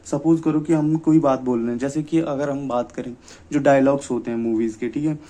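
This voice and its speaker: A young man giving an exam-prep lecture, often asking himself questions and checking "okay?", reading English definitions slowly. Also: mid-range voice, steady tone, mellow. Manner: repeats "ठीक है" and rhetorical questions. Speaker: teacher.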